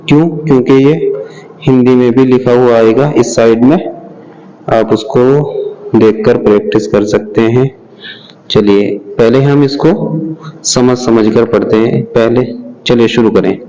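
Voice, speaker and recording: A man's voice: medium pitch, mellow, low-quality recording. A man teaching an alphabet lesson step by step, patiently repeating each sound and checking that the learner follows.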